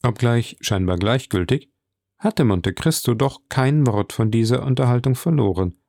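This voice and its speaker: Man reading a novel aloud, steady pace, gravelly, dry. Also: medium pitch, moderate pace, dry recording. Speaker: audiobook narrator. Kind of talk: scripted narration.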